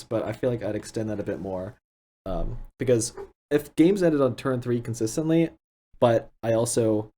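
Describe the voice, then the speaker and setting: A man's voice: medium pitch, dark tone. A man co-hosting a casual podcast who laughs a lot and keeps steering the talk back on topic. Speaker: podcast co-host. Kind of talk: casual chat about card games.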